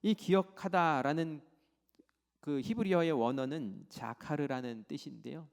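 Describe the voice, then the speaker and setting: A man preaching a sermon as pastor, telling the story dramatically and swinging from loud declarations to near whispers. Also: fairly high pitch, unhurried, creaky, big-room sound.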